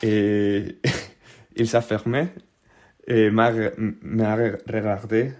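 A young man from Spain tells a casual anecdote in French, his Spanish accent plain throughout. His voice sits a little low. He often pauses with fillers and restarts while hunting for the right French word. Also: little pitch movement, a little mellow. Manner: hesitant, searching for French words with frequent fillers. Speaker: guest telling a personal story.

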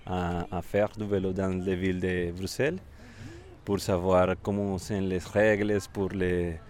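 A man from Colombia with a Colombian Spanish accent, giving interview answers in halting non-native French and searching for words. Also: sits low, level tone, darkish tone, slight background noise. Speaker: volunteer bike mechanic.

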